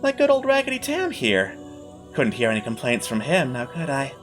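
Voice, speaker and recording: Man as a bored game villainess, smug, taunting, theatrically polite, swooping pitch, bright tone, music behind. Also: wildly swooping pitch, normal speed. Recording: background music under the voice.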